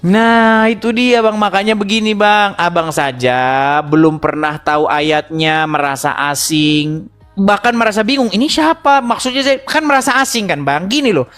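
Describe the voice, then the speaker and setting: A middle-aged man with a fairly high voice, talking with animated energy as he hosts an interfaith discussion. He tells stories, mimics flute sounds, and keeps calling his listener "Bang". His speech is spirited and his pitch sits above the usual male range. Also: moderate pace, soft background music. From Indonesia.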